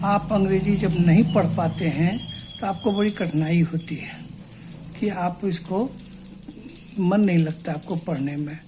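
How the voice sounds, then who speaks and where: A woman teaching a basic English lesson in Hindi, explaining slowly and repeating words syllable by syllable. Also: on the low side, dark tone, a little hiss or hum. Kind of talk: spoken Hindi language lesson.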